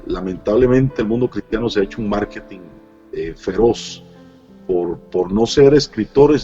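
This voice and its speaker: Deep-voiced earnest pastor. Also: male voice, creaky, warm tone, highs cut off. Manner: earnest and reflective, with frequent hesitant "eh" fillers. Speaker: pastor, interview guest. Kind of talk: personal testimony in an interview. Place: Costa Rica.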